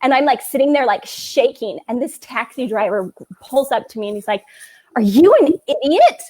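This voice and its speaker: A woman chatting on a video call, telling a funny story and quoting herself in a squeaky voice. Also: a little fast, a little mellow. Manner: giggly, quotes herself in squeaky voice. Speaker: author and group admin, moderator. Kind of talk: casual video call chat.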